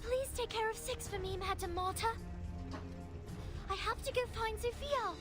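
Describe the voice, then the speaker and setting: Resolute young female leader, steady, game scene, music clearly behind. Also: very high-pitched, normal speed. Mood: pleading. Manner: firm, steady. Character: resolute young woman leading others to safety. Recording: game voice with background score.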